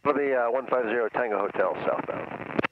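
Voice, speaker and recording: A man's voice: mid-range voice, brisk. A man speaking as a pilot over the aircraft radio, giving clipped readbacks through a muffled, noisy transmission.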